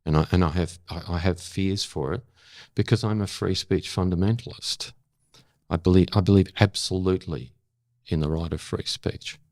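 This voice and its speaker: An older Australian man, a former journalist, speaks candidly and reflectively as an interview guest, emphatic yet marked by halting pauses and repetitions. His voice sits low with a steady, darkish tone, recorded at studio quality with no room sound.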